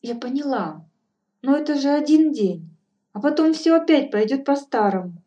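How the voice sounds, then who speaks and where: A woman's voice: lively intonation, moderate pace, mellow, muffled recording. Woman doing an anxious, pleading young woman. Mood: earnest. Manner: pleading, earnest, higher-pitched. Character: anxious, dutiful young woman seeking advice. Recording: distant from mic, faint music behind.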